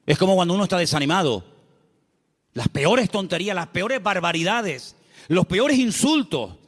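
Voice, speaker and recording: A male pastor with a Canarian accent, preaching a sermon in a church, folksy and full of rhetorical questions. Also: fairly high pitch. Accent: Canarian Spanish. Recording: long reverb of a church hall.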